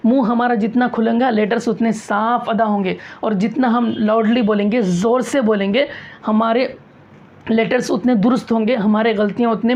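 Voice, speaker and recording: A woman's voice: a little high, a little mellow. Dull-sounding woman drilling a recitation class. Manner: repetitive, drilling, asks and answers own questions. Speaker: Quran recitation teacher. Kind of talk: classroom tajweed lesson.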